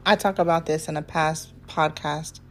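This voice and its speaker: A woman in her twenties hosting a casual faith-based podcast, talking in a relaxed, rambling way with many ums and asides. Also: low voice, moderate pace, a little hiss or hum. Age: 20s. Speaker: podcast host.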